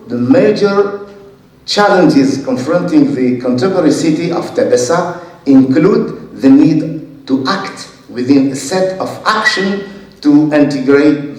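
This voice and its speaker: A man examining a thesis, reading parts of it aloud in a measured, formal way with pauses. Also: medium pitch, a little mellow. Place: university lecture hall. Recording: echoey hall, voice from far off.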